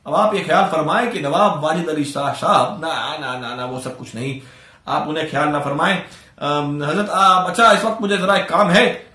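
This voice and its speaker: A man's voice: a little high, normal speed, bright, forceful tone. A man voicing a boastful, pompous old male clerk who puffs himself up, in an echoey room. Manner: puffed-up and boastful, then pleading.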